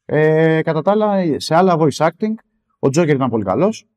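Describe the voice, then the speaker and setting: A man co-hosting a casual film discussion podcast, hesitant, with many fillers and lively jumps in pitch. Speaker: podcast co-host.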